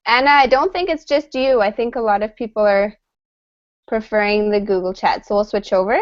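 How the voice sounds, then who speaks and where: A woman's voice: medium pitch, a little fast. Welcoming woman teacher on a call. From Canada. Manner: friendly, welcoming, laughs often. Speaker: English teacher. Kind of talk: online class greetings. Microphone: computer mic on video call. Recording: slightly dull video call audio.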